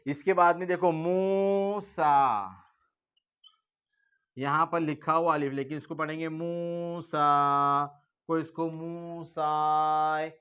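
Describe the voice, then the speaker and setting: A man teaching Quran reading, slowly drawing out each word before quick explanations. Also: on the high side, fairly bright tone, smooth, lo-fi sound. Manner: slow drawn-out recitation between quick explanations. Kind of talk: recorded Noorani Qaida lesson.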